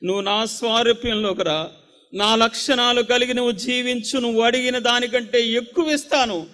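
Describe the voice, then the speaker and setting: A man's voice: extremely high pitch, moderate pace, pushed and bright, pitched above the performer's own voice. God pleading with his children, voiced by a male preacher. Raised, tender and repetitive, in a ringing hall.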